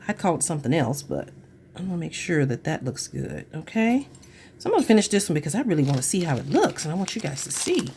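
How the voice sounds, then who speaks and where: In a slightly mellow mid-range voice, a woman leads a crafting tutorial, chatting and gushing over what she makes and murmuring as she gets busy. There's a little hiss or hum on the recording. She's a craft vlogger.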